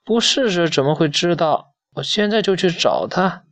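A man's voice: high voice, sing-song, normal speed, fairly bright tone, no room sound, pitched above the performer's own voice, exaggerated voice. A man voicing a brave, eager young puppy from a children's story. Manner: eager, forthright.

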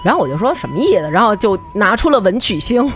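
Fast-talking woman telling stories. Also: mid-range voice, soft background music. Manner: chatty, animated, laughs while telling stories. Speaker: talk show co-host. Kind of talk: casual comedic storytelling.

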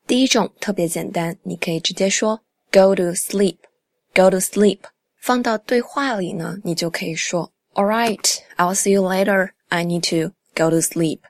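A woman's voice: medium pitch, dry recording, clean studio sound. Chatty young woman teaching English. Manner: explains chattily, repeats English phrases slowly and clearly. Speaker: English teacher and podcast host. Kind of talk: casual podcast English lesson in Chinese.

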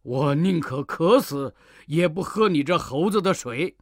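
A woman voicing a stern, indignant old male monk in a children's storybook reading, slow and scolding. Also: low-pitched, expressive, no echo, studio quality, exaggerated voice.

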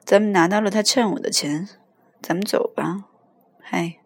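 A woman's voice: medium pitch, moderate pace, darkish tone, dry recording, natural voice. A woman reading as a cold, offhand young woman.

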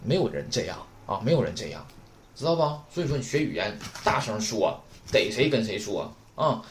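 Man, language teacher, casual lecture, lively pitch, keeps asking rhetorical questions. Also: slight background noise. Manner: chatty, rhetorical questions, repeats points slowly.

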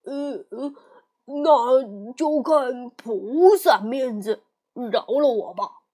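A woman's voice: on the high side, lively intonation, very slow, mellow, exaggerated voice. A woman storyteller voicing a cowardly, greedy male pig monk who hems, fawns and pleads. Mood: pleading. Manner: hemming, fawning, pleading. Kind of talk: storybook character voice.

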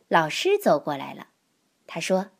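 A woman reading a children's picture book aloud in an expressive, lively manner. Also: low-pitched, a little slow, gravelly. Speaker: storyteller.

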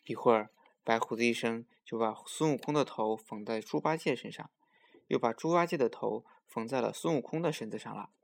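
Expressive male storyteller. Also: mid-range voice, brisk, vocal fry. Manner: lively, expressive. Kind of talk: children's story narration.

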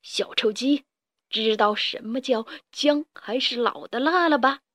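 A woman puts on a bullying old field-mouse boss who brags and threatens, his voice high and jumping all over, recorded close and dry with no room sound. storybook villain. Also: expressive, unhurried, a bit bright, dry recording, exaggerated voice. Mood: taunting. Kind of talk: storybook character voice.

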